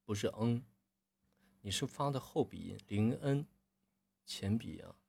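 Low husky male voice coach. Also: normal speed. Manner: frequent throat clearing, relaxed corrective tone. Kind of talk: live-stream critique of students' readings.

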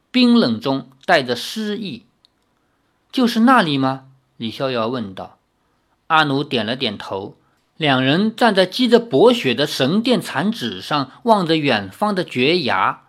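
Expressive storybook narrator. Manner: expressive, drops low and soft on sad lines. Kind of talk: read-aloud novel narration.

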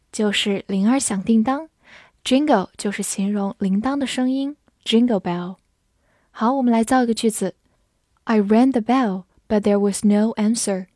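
A woman teaching English vocabulary, spelling words letter by letter and reading example sentences slowly for students to repeat. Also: medium pitch, warm tone, dry recording, studio quality. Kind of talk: scripted vocabulary lesson.

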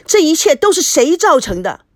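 A sharp-tongued young woman, voiced by a woman, answers back in an audio novel, indignant and mocking. Her pitch moves freely and the sound is close and dry. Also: very animated, moderate pace, dry recording.

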